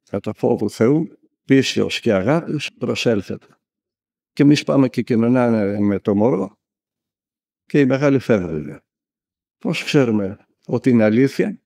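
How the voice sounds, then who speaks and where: A man's voice: medium pitch, gravelly, dark tone, no room sound, studio quality. A man from Greece, a monk and spiritual elder, preaching a sermon and telling stories vividly, acting out the people he quotes. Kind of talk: spoken sermon.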